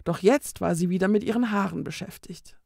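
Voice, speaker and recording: A woman reading a children's book aloud in a calm, measured storytelling manner. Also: lowish voice, creaky, slightly rough, dry recording, clean studio sound. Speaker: storybook reader.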